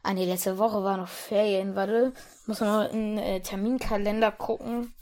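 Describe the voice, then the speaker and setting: A woman's voice: medium pitch, steady tone, moderate pace, a little mellow, voice pushed down, natural voice. A woman playing a fussy, flustered schoolteacher who hesitates a lot, in a comedic role-play sketch. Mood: flustered, stern. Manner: hesitant, lots of um and uh.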